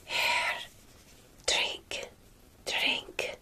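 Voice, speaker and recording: A woman in her thirties whispers near the microphone as a tender, centuries-old vampire in an ASMR roleplay. She hushes and soothes the listener at a slow, deliberate pace.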